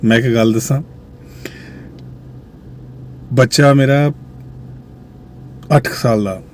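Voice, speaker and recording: A male host talking to viewers in a musing way, often sinking to a low quiet voice. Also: a little hiss or hum. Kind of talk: reflective commentary to viewers.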